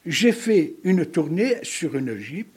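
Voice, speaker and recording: Older male guest, husky and upbeat, a lively teller of band anecdotes. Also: on the high side, slow. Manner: lively, jovial storyteller. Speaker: longtime band member, guest. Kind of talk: casual reminiscing.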